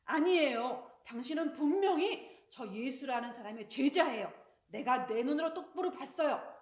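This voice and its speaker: A woman's voice: high-pitched, animated, normal speed. A woman voicing a nosy young servant woman who keeps accusing someone. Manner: prying, accusing, insistent. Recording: roomy echo.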